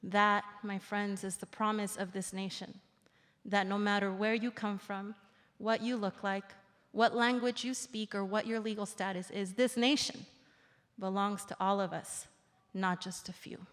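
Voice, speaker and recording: Her voice is mid-range, level in tone and slightly bright. She is a woman in her forties from El Salvador, invited to give an earnest, reflective formal speech at a public event, slowing at key moments for emphasis. It's captured in a large indoor theater with a reverberant hall sound.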